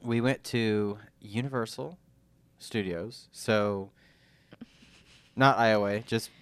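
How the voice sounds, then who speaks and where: Male podcast host, twenties, low and dry-recorded, congested stuffy nose from being sick, conversational. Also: steady tone, slow, a bit bright, clear, resonant tone, no room sound. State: sick with a sinus infection. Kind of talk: casual podcast chat.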